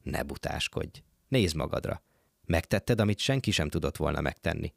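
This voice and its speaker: A man reading a story aloud, voicing a calm young man who speaks softly and reassuringly. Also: a bass voice, vocal fry, dry recording, clean studio sound, exaggerated voice. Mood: tender. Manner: soft, reassuring. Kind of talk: audiobook reading.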